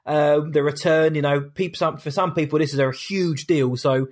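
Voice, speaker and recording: A man chats as a podcast co-host. His voice is slightly high for a man. He talks in a laid-back, matey, rambling style. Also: steady tone, normal speed. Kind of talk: casual podcast chat.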